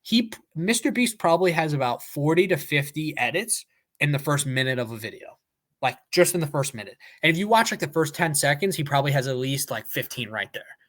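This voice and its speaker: A man's voice: fairly high pitch, animated, brisk, a bit bright. A man co-hosting a casual podcast chat. He talks in a loose, emphatic run of thoughts, leaning on "like" and "you know" as he presses his points. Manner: talkative, emphatic, many "like" fillers. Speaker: podcast co-host.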